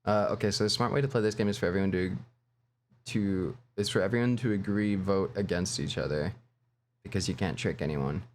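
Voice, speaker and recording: A man's voice: low-pitched, a little fast. A man streaming a video game, chatting casually, laughing and reading game lines aloud. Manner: animated, giggly, reads game lines aloud. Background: faint game music.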